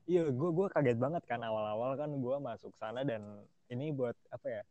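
A teenage music student with a Jakarta Indonesian accent chats casually as a podcast guest, slangy and self-deprecating. His voice is medium-pitched and warm, and he talks fairly quickly. The lo-fi recording sounds dull and muffled.

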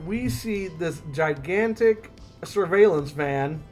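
Male podcast co-host, high voice, very lively intonation, casual joking chat. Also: slow, soft background music.

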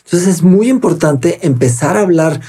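A man's voice: on the high side, lively intonation, moderate pace, dark tone, husky. A man speaks earnestly as an interview guest, explaining step by step and acting out quoted dialogue. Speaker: guest expert on child protection.

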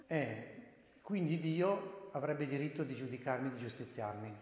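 A priest giving an animated sermon, breaking into loud, emphatic bursts and asking his listeners direct questions. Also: medium pitch, moderate pace, slight background noise. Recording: echoey hall with long reverb.

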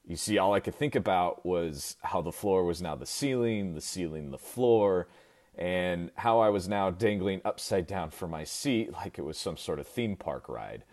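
A man from the US Midwest telling a personal story on a podcast, wry and chuckling at his own tale. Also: deep voice.

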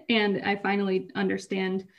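A woman's voice: mid-range voice, completely flat delivery, unhurried, gravelly, dull audio. Woman, podcast co-host, casual chat, rambling, self-interrupting, laughs through hard topics.

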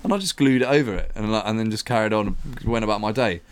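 A young podcast co-host tells a story in casual chat, animatedly acting out other people's lines and raising his pitch for the quoted voices. He speaks fast with a clean tone, and the recording is dry.

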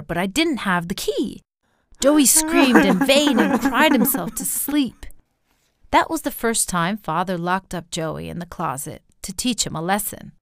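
A woman reads a dramatic first-person story with lively, swinging intonation. The sound is dry and close, with no room around her voice. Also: medium pitch, dry recording. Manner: expressive storytelling, acting out quotes. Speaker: narrator. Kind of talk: scripted story narration.

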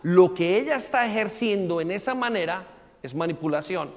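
A man's voice: sits high, expressive, normal speed, long reverb tail. A man preaching a teaching sermon, emphatic, asking listeners to repeat after him and take notes.

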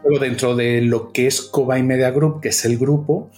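Guest, male, middle-aged, Venezuelan-Canarian accent, eager talker, mid-pitched, faint music bed. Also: steady tone, normal speed, a little mellow. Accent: mixed Venezuelan and Canarian Spanish. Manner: enthusiastic, frequent tag questions. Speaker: guest, agency founder. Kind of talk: casual interview.

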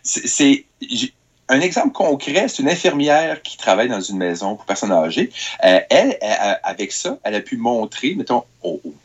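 A man with a Quebec French accent, chatting casually on radio as a tech columnist, animated with stammering restarts. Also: mid-range voice, moderate pace, slightly rough, highs cut off. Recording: radio studio.

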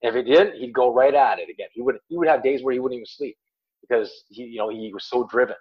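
A man's voice: mid-range voice, quick pace, husky, dull audio. A man speaking as a life coach in a podcast chat, emphatic and repeating words as he makes his points. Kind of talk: podcast guest talk.

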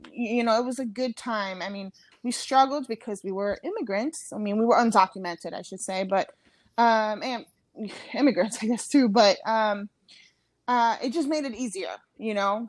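In her thirties and from Ecuador, this comedian guest speaks at normal speed in a medium-pitched voice with lively intonation. Her casual interview talk is chatty, with many fillers and restarts, and there's no room sound.

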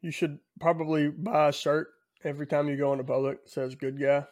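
A man co-hosting a casual podcast chat, speaking haltingly with many fillers. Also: a little high, flat delivery, a little mellow, no room sound, highs cut off. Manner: halting, leans on fillers like "you know". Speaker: podcast co-host.

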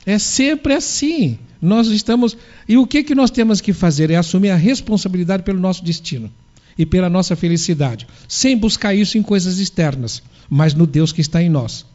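High-voiced man lecturing. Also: animated, normal speed, a little mellow. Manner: rhetorical questions, answers them himself. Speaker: spiritual lecturer. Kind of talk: spiritist sermon lecture. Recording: dull lo-fi recording.

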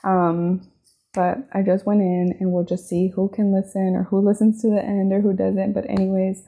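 A woman hosting her own podcast, talking gently and encouragingly in a reflective solo monologue, often asking "right?" and "you know". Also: mid-range voice, little pitch movement, moderate pace. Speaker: podcast host. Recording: phone-like narrow sound.

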